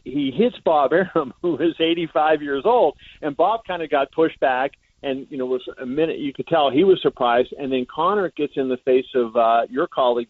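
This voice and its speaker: A man's voice: mid-range voice, dry recording. A man, a reporter guest on a radio show, telling a story at length with many "uh" fillers. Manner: rambling, frequent "uh" fillers. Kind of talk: storytelling in a phone-in interview. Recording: dry tinny phone line.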